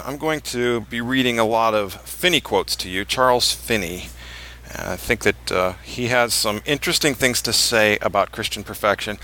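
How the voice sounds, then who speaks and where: A man hosting a religious podcast, reading scripted material and quotations in a measured, emphatic way and moderating a panel. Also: on the low side, bright, forceful tone, low-quality recording. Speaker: podcast host, church elder.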